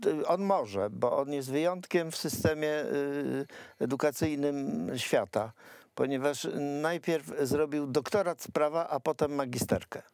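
A man's voice: fairly high pitch, measured pace, no echo. A man speaking as a guest in a studio political discussion, jumping in with ironic remarks. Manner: interjecting, ironic. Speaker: panel guest.

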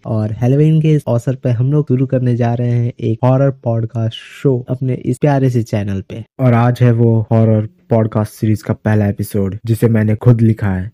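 A man hosting his channel and reading a horror story in a steady, scripted narration. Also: mid-range voice, dry recording, muffled recording.

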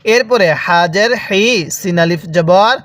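A man's voice: high voice, a bit bright, dry recording. A man teaching Quran reading, spelling out letters and drawing out each sound for learners to repeat. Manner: slow drawn-out recitation of letters. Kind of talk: spelling lesson with call-and-repeat.

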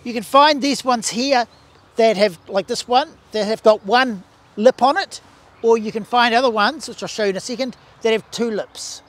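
At normal speed, a man with a very high voice talks through hive equipment. He is a bee scientist in his sixties with a New Zealand accent, giving an outdoor demonstration in a garden by the beehives, marked by restarts and gestures.

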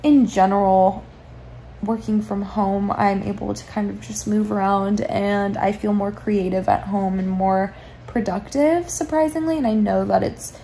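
A twenty-something woman lying in bed speaks at a measured pace into an arm's-length phone camera, her medium-pitched voice steady in tone. The vlog is a casual, confessional, soft-spoken ramble reflecting on her life, on a rough recording with slight background noise.

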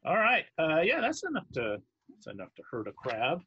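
A man narrating as dungeon master, talking in halting bursts with many restarts and easy laughter. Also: on the high side, huge pitch swings, husky, muffled recording. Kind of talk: narrating a tabletop game.

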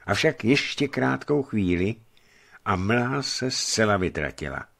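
A man reading a novel aloud as narrator, in a calm, measured way. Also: on the low side, vocal fry. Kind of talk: scripted audiobook narration.

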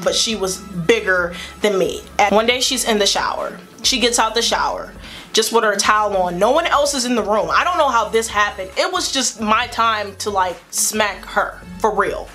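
A young woman spins a story-time tale for her vlog, chatty and animated, dropping slang as she goes. Her voice sits at an ordinary middle pitch, and soft music plays faintly underneath. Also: moderate pace. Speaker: vlogger.

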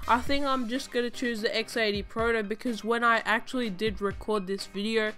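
A young gaming host, stuffy-nosed and sick with a cold, talks a little fast in a fairly bright, slightly high voice with a steady tone. In a casual home voice-over over gameplay footage, she chats her way through a game tutorial and repeats the instructions step by step. Soft background music plays.

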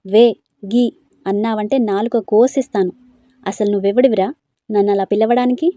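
A woman reading a storybook, voicing a stubborn, quick-tempered young woman with sharp, scolding retorts. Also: mid-range voice, fairly even intonation, no echo, studio quality, natural voice. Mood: angry.

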